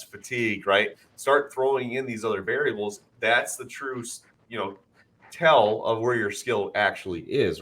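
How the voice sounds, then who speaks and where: A man's voice: on the low side, bright, forceful tone. A man with an American accent, a podcast co-host, thinking aloud about training and often tagging his points with "right?". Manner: reflective, uses lots of "right?" tags. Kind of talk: casual podcast interview.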